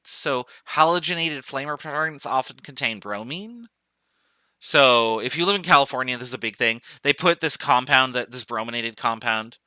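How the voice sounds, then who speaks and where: A man's voice: mid-range voice, sharp tone, clear, resonant tone, dry recording. A man teaching an online chemistry class in a casual, joking way, thinking aloud with fillers as he goes. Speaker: chemistry professor. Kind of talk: online lecture.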